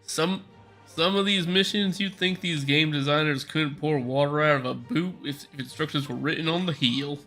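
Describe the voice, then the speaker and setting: A man streaming a game live, chatting excitedly and stumbling over repeated words. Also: on the high side, normal speed, soft background music. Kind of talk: casual chat.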